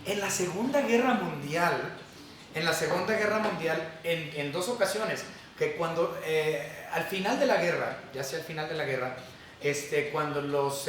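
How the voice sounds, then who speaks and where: Man, pastor, sermon, fairly high voice, very echoey church hall, distant mic, faint background noise. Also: fairly bright tone. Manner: conversational, asks the congregation questions.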